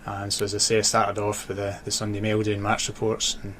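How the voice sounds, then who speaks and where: Low and even in tone, a Scottish man speaks fairly quickly as a casual radio interview guest. The Dundee native, an author and sports journalist, has an accent mixing Dundee, Glasgow and Edinburgh, recorded with clear background noise.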